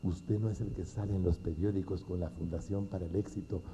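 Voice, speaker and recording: A man giving a testimony as a preacher, swinging between hushed and loud emotional speech. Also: low-pitched, fairly even intonation, brisk, slight background noise. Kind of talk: sermon testimony. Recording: dull lo-fi recording.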